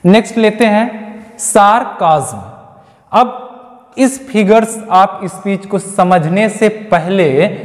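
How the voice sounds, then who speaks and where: A man's voice: high-pitched, drawn-out words. A male teacher giving an exam-prep lecture, stretching out key English terms and asking rhetorical questions. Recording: long hall reverb.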